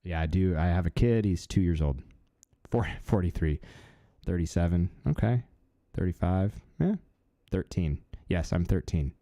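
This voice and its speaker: Male, 30s, live-stream host; deep warm voice, easygoing and filler-heavy. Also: moderate pace, no echo, studio quality. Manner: relaxed, chatty, many fillers. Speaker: livestream host. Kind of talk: casual live-stream chat.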